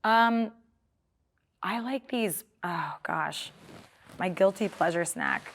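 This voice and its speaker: A bubbly young woman from Maryland giving casual interview answers. She giggles easily and stalls now and then while she hunts for the right word. Her voice sits at an everyday middle pitch. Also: slow, gravelly. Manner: bubbly, giggly, searches for words. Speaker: guest, apparel business owner.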